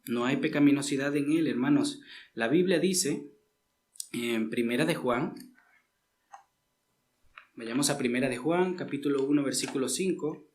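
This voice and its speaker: A man's voice: mid-range voice, a little slow, pauses often, a little mellow. A man preaching a sermon in a church, earnest and emphatic, often addressing listeners as brothers.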